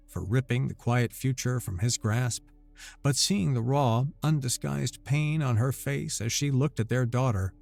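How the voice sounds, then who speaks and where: A man narrating a scripted sci-fi romance story in a steady storytelling voice. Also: medium pitch, creaky, no room sound. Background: faint music.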